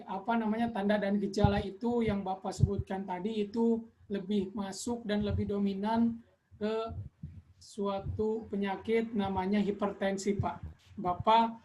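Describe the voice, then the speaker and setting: A woman's voice: medium pitch, mellow, natural voice, low-quality recording. Woman acting as polite customer service telenurse, faint noise. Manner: polite customer service phrasing, explanatory, halting with repeated words. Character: polite telehealth nurse taking a patient's call. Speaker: telenursing nurse in a practice role-play. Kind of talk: role-played customer service call.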